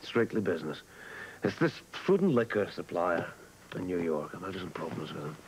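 A man's voice: deep voice, big pitch swings, a little fast, background noise. A man acting in a daytime soap opera as a husband and club owner who sounds defensive, evasive and pleading.

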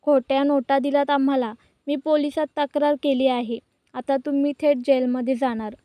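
A woman voicing a bold young woman who loudly accuses a bank, in her own high voice. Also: little pitch movement, moderate pace, dry recording, lightly acted. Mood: angry. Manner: loud, accusing. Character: bold young woman staging an angry scene.

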